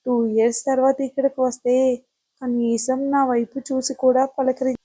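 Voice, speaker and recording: A woman's voice: sits high, flat delivery, moderate pace, warm tone, husky, no echo. A woman voicing a nervous young woman who pleads tearfully with her cousin in an audio story. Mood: pleading.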